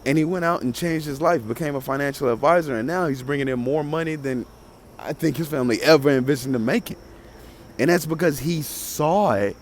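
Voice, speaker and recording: A man's voice: medium pitch, darkish tone. A man with a Southern US country accent, speaking as a podcast host in a casual motivational monologue, emphatic and repeating phrases for stress.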